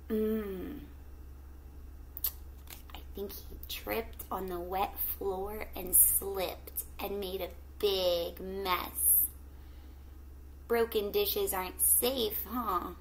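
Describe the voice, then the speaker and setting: In a small room at home filled with plants, a woman with a mid-range voice slowly reads a picture book to children as a teacher would, stretching her words with expression and slipping in gentle questions for the young listeners. The low-quality recording carries slight background noise.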